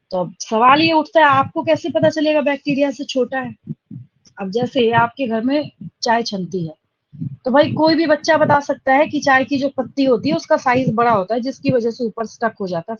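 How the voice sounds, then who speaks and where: A woman teaching a classroom lecture, explaining step by step, dictating terms slowly, and checking that students follow. Her English terms carry an Indian accent. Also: high-pitched, dry recording, dull audio. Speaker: biology teacher.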